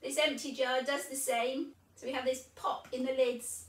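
Her voice is high and steady, a bit bright, moving at a moderate pace with a little hiss or hum underneath. She's a cheerful woman in her fifties walking through a casual cooking demo at home, recorded on a camera mic set slightly far off in a roomy kitchen.

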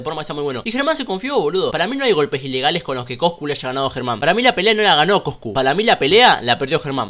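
A young man from Argentina with a Rioplatense accent, chatting excitably through a casual reaction commentary. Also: fairly high pitch. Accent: Rioplatense Argentine Spanish. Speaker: reaction content creator.

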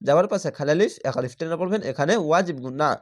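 Man, somewhat high voice, Quran reading teacher, slow syllable-by-syllable spelling, patient explaining. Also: a little mellow. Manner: slow, drawn-out syllable-by-syllable spelling, then chanting the word. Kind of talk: spelling-out Quran recitation lesson.

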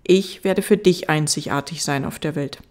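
A woman voicing a gentle, wise fox in an audiobook, earnest and patient as it explains. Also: sits low, normal speed, lightly acted.

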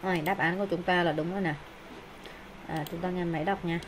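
A woman teacher explaining English textbook exercises with many hesitations and pauses. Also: lowish voice, fairly even intonation, a little hiss or hum, poor audio.

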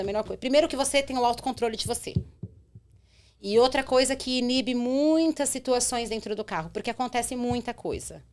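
A young adult woman, a rideshare driver telling a story on a podcast in an animated way. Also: a little high. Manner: animated, acts out quotes in her telling.

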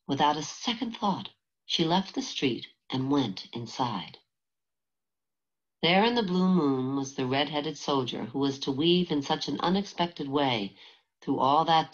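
A woman reading a novel aloud as an audiobook narrator, in a steady, measured way. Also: deep voice, slightly rough, lo-fi sound. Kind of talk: scripted narration.

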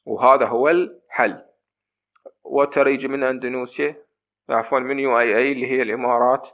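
Gravelly Iraqi teacher on tinny audio. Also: male voice, mid-range voice, steady tone. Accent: Iraqi Arabic. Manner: switches between slow, drawn-out English and quick Arabic explanation. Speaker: English teacher. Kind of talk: recorded lesson explaining a textbook.

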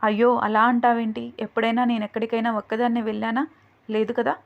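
A woman's voice: a little high, flat delivery, fast, creaky, dull audio. A woman voicing a timid young woman who pleads anxiously with her friend. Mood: pleading.

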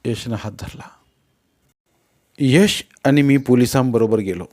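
Guy reading a novel out loud, first person, serious and expressive, mid-pitched voice. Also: takes it slowly. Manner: expressive, grave storytelling. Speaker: audiobook narrator.

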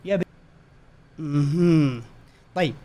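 A man's voice: takes it slowly, a crowd in the background. A man in his twenties with a Saudi accent, reacting to videos about himself in casual, jokey commentary. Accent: Saudi Arabic. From Saudi Arabia. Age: 20s. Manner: excitable, jokey, swings between high and low tones.

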